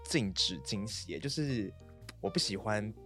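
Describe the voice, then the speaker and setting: Soft-spoken woman with a very low voice. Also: animated, moderate pace, faint music behind. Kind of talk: casual chat.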